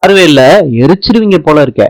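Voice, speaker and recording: A man's voice: a little high, animated, fairly quick, dry recording, natural voice. A man reading a teasing female helper.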